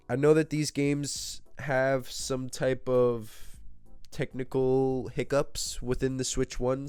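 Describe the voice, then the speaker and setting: Congested from a cold, a gaming video host muses alone to camera through a desk mic, drifting off topic with self-deprecating humor and little jokes. The voice is mid-range and slightly mellow, clean with no room sound at all.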